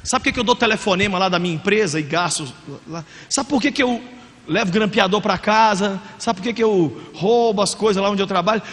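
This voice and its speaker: A man with a Brazilian Portuguese accent preaching a sermon as pastor, energetic and humorous, acting out quotes. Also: sits high, a little fast, long reverb tail.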